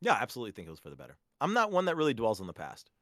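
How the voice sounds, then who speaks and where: Awkward, halting podcast guest, man. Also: huge pitch swings, no room sound, clean studio sound. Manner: self-described awkward, halting with many restarts; jumps high and loud when acting out stories. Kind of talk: casual podcast conversation.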